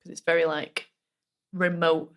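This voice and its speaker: On a true-crime podcast, a female co-host tells the case in a casual, chatty way, full of fillers and acting out quotes. Her voice sits on the low side with a level tone and a slightly slow pace.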